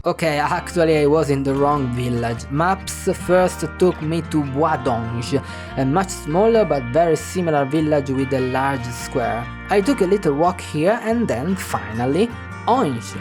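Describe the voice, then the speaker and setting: A native Italian speaker from Piedmont in northern Italy narrates his travel vlog in a wry, chatty way, with an Italian accent. His voice is fairly high, animated and unhurried, with music underneath.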